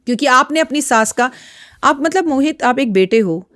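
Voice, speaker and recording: A woman's voice: sits high, animated, normal speed, fairly bright tone, dry recording, studio quality. A woman astrologer speaking as a podcast guest, frank and lecturing in a blunt, outspoken way. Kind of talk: podcast interview talk.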